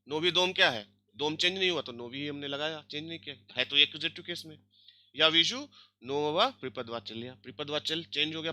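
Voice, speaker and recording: Bright-voiced man teaching grammar. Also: fairly high pitch, dry recording. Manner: explains step by step, checks in with "ठीक है" and "है ना". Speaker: language teacher. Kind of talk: online grammar lesson.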